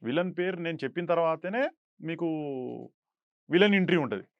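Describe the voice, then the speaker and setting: A man's voice: a little high, lively intonation, normal speed, no echo, lo-fi sound. A young man, an actor guest telling stories in an interview and acting out quoted lines in a raised voice. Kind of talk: animated storytelling interview.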